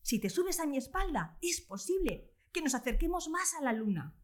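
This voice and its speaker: A woman's voice: sits high, very animated, moderate pace, pitched above the performer's own voice. Woman doing a coaxing farm pig. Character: eager farm pig asking for help.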